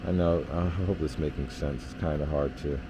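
A man, an HVAC technician, giving a relaxed hands-on explanation of system readings in a basement furnace area, with lots of fillers. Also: a bass voice, a little fast, noisy background.

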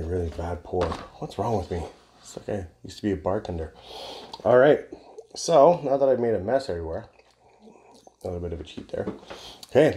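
A beer reviewer and video host in his forties chats casually to camera in an indoor home bar room, enthusiastic and rambling with casual swearing. His voice is fairly low and warm.

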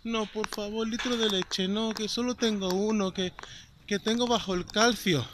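A man's voice: high voice, fairly even intonation, normal speed, background noise, voice pushed up, natural voice. A man voicing a frail, pleading elderly woman in a small, helpless voice.

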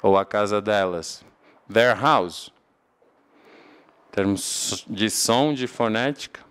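A man's voice: fairly low pitch, a little slow, smooth. A man from Portugal with a European Portuguese accent, teaching an English grammar class and asking his own questions before answering them. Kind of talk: classroom lecture.

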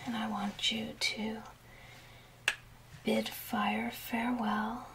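In a small indoor room, a woman in her thirties leads a soothing, instructive ASMR massage role play in a breathy whisper. Her voice sits on the high side, level in tone, and she takes her time. The recording is clearly noisy, with rubbing sounds throughout.

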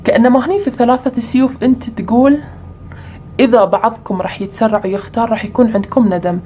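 A woman's voice: a little high, fairly even intonation, quick pace, lo-fi sound, a little hiss or hum. A woman giving a tarot reading, explaining each point with repeated either-or examples. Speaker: tarot reader.

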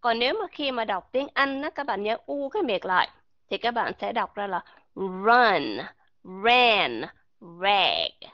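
A woman teaching a live online pronunciation lesson, patient and slowly repeating sounds to demonstrate them. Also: a little high, lively intonation, no room sound. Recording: dry, muffled online voice chat audio.

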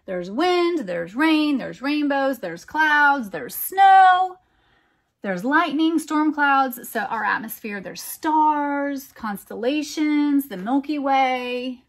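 A slow, high-voiced American woman, a teacher doing children's storytime, reads a picture book aloud with animated, emphatic delivery and deliberate phrasing for young children. She adds chatty asides along the way.

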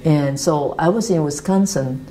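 A Taiwanese woman in her fifties, with a Taiwanese accent, speaking earnest, halting English with restarts as she tells her life story, seated in an office meeting room. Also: sits low, warm tone, poor audio. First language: Mandarin Chinese. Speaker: interviewee. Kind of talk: reflective life-story interview.

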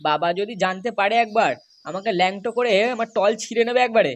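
A woman's voice: mid-range voice, fast, a little hiss or hum, close to an everyday voice. A woman voicing a crude, swearing young man in a comic cartoon. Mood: rowdy. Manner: swearing, loud.

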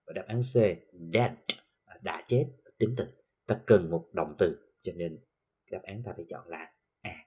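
A man with a Southern Vietnamese accent teaching an English lesson, explaining slowly with many filler sounds and reading English examples carefully. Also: sits low, breathy edge, lo-fi sound. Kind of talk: recorded classroom lesson for TV.

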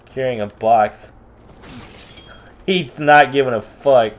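A young man casually commentating a video game with a friend, joking and swearing, with sudden excited outbursts. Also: medium pitch, slow pace, crowd noise. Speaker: let's play gamer.

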